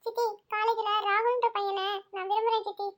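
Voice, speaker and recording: A woman voicing a frank, defensive young college student who talks rapidly and insistently in an audio story. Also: extremely high pitch, flat delivery. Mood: pleading.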